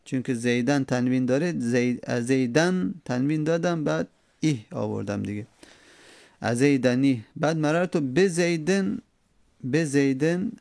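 Male grammar teacher, gravelly voice, dry close sound, patient step-by-step explanation with hesitations. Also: medium pitch, darkish tone, dry recording. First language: Persian. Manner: explains step by step, repeating forms, many hesitations. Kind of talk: Arabic grammar lesson.

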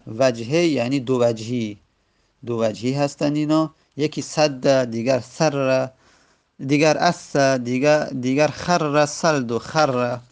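A man teaching a grammar lesson, slowly sounding out each word and repeating it before he explains what it means. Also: medium pitch, a little mellow. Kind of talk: classroom lecture explaining verse word by word.

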